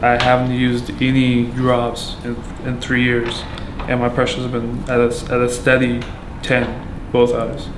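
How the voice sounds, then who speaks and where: A man from Afghanistan giving a candid account as a patient, halting and full of fillers and restarts. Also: mid-range voice, monotone. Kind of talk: candid personal testimony. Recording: echoey room with background noise.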